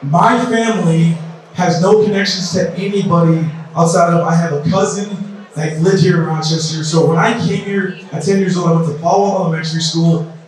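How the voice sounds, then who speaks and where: Speaking at a steady, moderate pace in a slightly high voice, this South Sudanese-born emcee in his thirties works up a campaign crowd with casual, repetitive patter. He was captured by a far-off microphone in a big indoor event hall full of echo.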